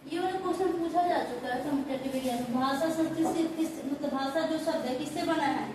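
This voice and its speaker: High-pitched woman teacher drilling a class by question and answer, picked up from across a noisy, echoing room. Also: quick pace, darkish tone. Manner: asks questions and answers them herself, repeating key terms. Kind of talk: classroom grammar lesson. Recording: echoey room from far off, noisy.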